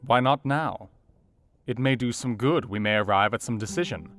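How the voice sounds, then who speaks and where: An actor playing an earnest, educated Victorian doctor, narrating his diary in a measured, formal way for an audio drama. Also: mid-range voice, natural voice. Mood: questioning. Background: soft guitar music.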